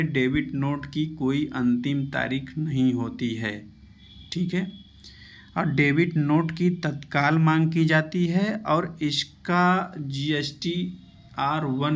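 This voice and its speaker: A man hosting his own channel, teaching an accounting lesson point by point and often pausing to check that students follow. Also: on the high side. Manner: even, repetitive teacher's delivery with frequent "theek hai" checks. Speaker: accounting tutor, channel host. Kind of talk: explanatory lesson while writing points.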